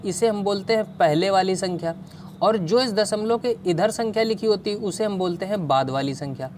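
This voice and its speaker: A woman's voice: medium pitch, a little mellow, a little hiss or hum. A woman teaching an online math class, explaining step by step and asking questions to the students.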